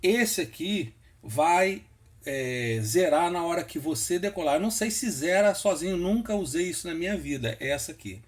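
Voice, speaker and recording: A man's voice: fairly high pitch, expressive, normal speed. A man giving a casual screen-share tutorial, patient and repetitive, often checking in with the listener. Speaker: instructor explaining flight instruments.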